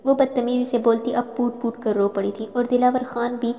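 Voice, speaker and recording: A woman reads a romance novel aloud and voices every character in her own voice. She speaks in a fairly high, mellow voice. The recording carries a long, trailing reverb. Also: steady tone. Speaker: narrator.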